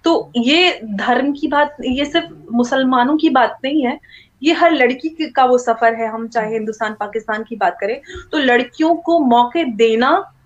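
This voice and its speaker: A woman's voice: high-pitched, moderate pace, highs cut off. A woman from India, speaking as an interview guest in an earnest, explaining way. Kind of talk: casual interview talk.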